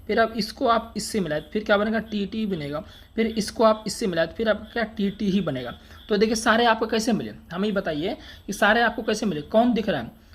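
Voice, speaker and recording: A man's voice: high voice, a little fast. A man teaching an exam-prep science lesson, who keeps asking questions and answering them himself and repeats key terms, with dialect words in his Hindi. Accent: Hindi dialect words (बड़का, छोटका).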